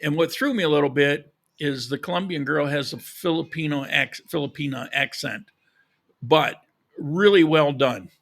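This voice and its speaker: This live podcast host speaks to his stream viewers directly and informally, at a moderate pace. His fairly high voice is very bright and forward, with a creaky quality.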